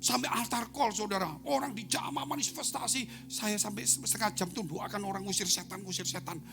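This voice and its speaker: A male pastor preaching in a church service, with instrumental music playing behind him. He tells stories and keeps addressing the congregation directly. His delivery jumps from loud, ringing exclamations to hushed, almost whispered asides. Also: high-pitched, brisk, creaky. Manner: storytelling, addresses congregation as saudara. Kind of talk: sermon. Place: church service, online broadcast.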